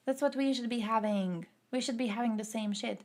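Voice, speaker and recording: A woman's voice: on the high side, a little fast, darkish tone. A young woman from Croatia who streams and answers chat, talking through politics in a casual way, thinking aloud with fillers.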